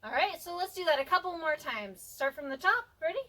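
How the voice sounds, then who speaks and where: A woman teacher leading a class through body and voice warm-ups in an upbeat, coaxing way. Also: very high voice, animated, a little fast, rough recording. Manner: upbeat, coaxing, counts aloud with energy. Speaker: music and theater teacher.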